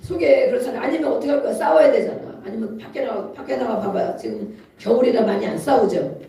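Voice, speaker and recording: In an echoey church sanctuary, recorded from a distance, a preacher delivers a conversational sermon. The voice is medium-pitched, gravelly and warm, fast and expressive. It moves from storytelling and frequent laughter to emphatic exhortation.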